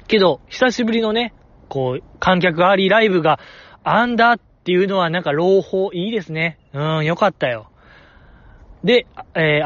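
A man with a Kansai accent, hosting a casual chat and reading listener messages, talking in excitable, exaggerated bursts. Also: on the high side, dry recording, lo-fi sound.

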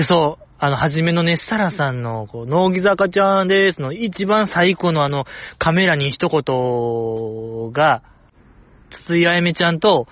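A man hosting a casual solo talk show, rambling with chuckles and mock-formal asides. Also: a little high. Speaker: podcast host. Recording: slightly dull, dry recording.

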